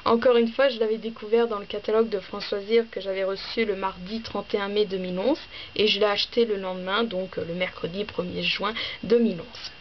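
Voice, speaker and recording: A woman chats through a casual book vlog, stopping often to hesitate and restart. Her voice is at a middle pitch. The recording is a bit dull, with a faint hiss of noise underneath. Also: fairly even intonation, brisk. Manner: hesitant, many fillers and restarts; chatty, listing items one by one. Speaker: book vlogger.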